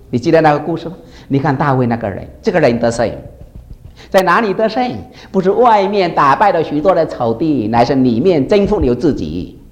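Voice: mid-range voice, darkish tone. A preacher giving an emphatic sermon who keeps asking the congregation rhetorical questions.

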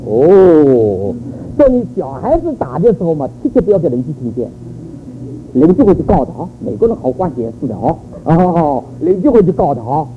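Older male church speaker, high and animated, storytelling sermon, narrow phone-quality recording. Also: normal speed. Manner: animated storytelling with rhetorical questions. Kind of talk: sermon on child-rearing. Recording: phone-like narrow audio with faint noise.

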